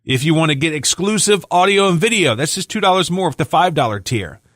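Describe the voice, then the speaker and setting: A man's voice: fairly high pitch, animated, brisk, a bit bright, no room sound, studio quality. A man co-hosting a wrestling podcast, reading sponsor plugs and support tiers in a loose, chatty way, tired and yawning. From Louisiana. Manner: chatty, loose, with filler words. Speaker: podcast co-host.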